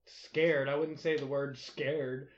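A man's voice: medium pitch, level tone, slow, dull audio, a little hiss or hum. A man co-hosting an amateur sports podcast, arguing back in exasperated, profane banter. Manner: exasperated, argumentative, swears freely. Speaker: podcast co-host. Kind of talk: casual sports chat.

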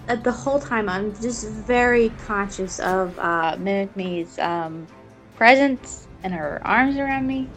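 A woman playing a tabletop role-playing game, speaking in a slow, relaxed way and thinking aloud. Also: mid-range voice. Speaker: player. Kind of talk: casual tabletop role-play.

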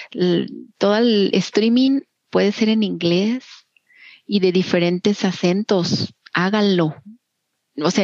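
A woman's voice: mid-range voice, darkish tone, no echo, highs cut off. A middle-aged woman with a Mexican accent, talking candidly and encouragingly as an interview guest. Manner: candid, encouraging, many fillers. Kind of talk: casual interview.

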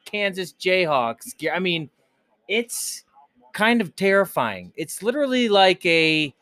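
A man's voice: sits high, big pitch swings, slow pace, a bit bright, no echo. A man co-hosting a casual sports chat, teasing his friend and swearing casually in a laid-back way. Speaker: podcast co-host.

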